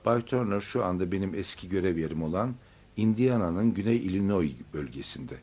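Male narrator as a stern, businesslike bank inspector in a storybook reading, low husky voice. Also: expressive, brisk, mellow, muffled recording. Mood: cold curt. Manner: curt, cold and firm.

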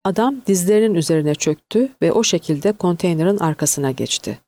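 A woman narrating an audiobook in an expressive, varied reading. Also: lowish voice, fairly quick, no echo.

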